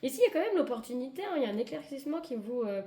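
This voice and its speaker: Higher-voiced woman reading cards, voice giving out. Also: big pitch swings, racing. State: hoarse voice giving out, clearing throat. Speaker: tarot and oracle card reader. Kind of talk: casual, improvised card reading to viewers. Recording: echoey room with clear background noise.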